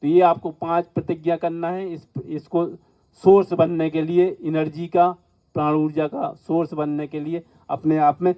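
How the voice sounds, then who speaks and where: Man in the role of a spiritual teacher, lecturing a class, earnest and instructive, slightly high voice, muffled lo-fi recording. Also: flat delivery, normal speed. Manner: earnest, instructive, with stories and repeated emphasis.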